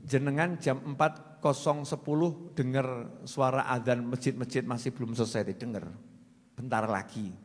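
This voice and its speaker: A man preaching a lively sermon with a Javanese accent, quizzing his congregation with questions. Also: mid-range voice. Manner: animated, quizzes the audience with questions. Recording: long hall reverb.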